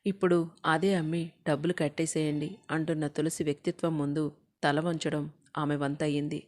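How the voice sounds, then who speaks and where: A woman narrating a moral family story in a steady, measured reading. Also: sits low.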